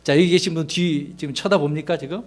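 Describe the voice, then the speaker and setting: A man's voice: fairly high pitch, steady tone, quick pace. A man, a pastor, preaching a sermon in a conversational way, asking his congregation rhetorical questions and acting out the lines he quotes.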